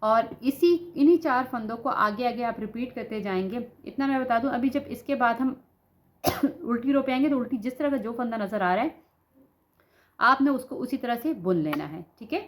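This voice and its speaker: Speaking at normal speed in a slightly high voice, a knitting instructor offers a patient, step-by-step tutorial. She describes each stitch through a sore throat, saying "ठीक है" repeatedly as she works.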